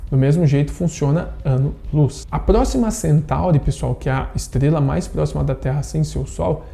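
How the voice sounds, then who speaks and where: Here a Brazilian man in his thirties runs an online science class, breaking things down stepwise and checking in with short tag questions. His pitch sits on the high side, and his tone is creaky and dark.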